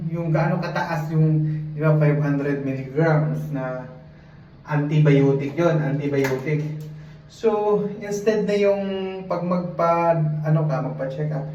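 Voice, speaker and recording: A man's voice: fairly high pitch, mellow, slight background noise. A man vlogging casually while doing laundry, chatty and rambling, often laughing at himself. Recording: echoey, dull, from far off.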